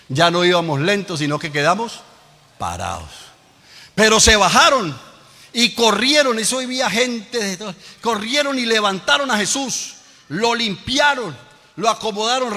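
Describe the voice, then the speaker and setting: A man's voice: high voice, pushed and bright. A man preaching a Pentecostal sermon as pastor, telling a story and calling on the congregation to repeat after him. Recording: long hall reverb.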